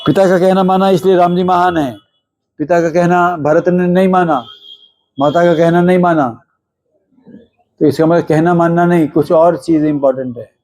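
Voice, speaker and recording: Mellow-voiced man giving a devotional discourse. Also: fairly high pitch, steady tone, normal speed, long pauses. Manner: rhetorical questions, chants scripture verses. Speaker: religious storyteller.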